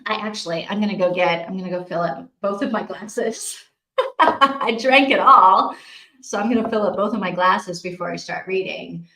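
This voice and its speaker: At normal speed and in a bright, forceful mid-range voice, a woman hosts a live reading-sprint stream. She keeps things casual, reading viewer comments aloud and responding as she goes, and the audio echoes around the room.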